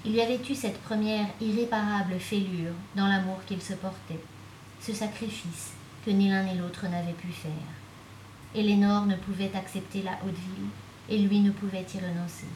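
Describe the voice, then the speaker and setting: A woman reading a novel aloud as narrator, with steady, even storytelling. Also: mid-range voice, normal speed, a little hiss or hum. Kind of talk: audiobook reading. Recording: echoey room.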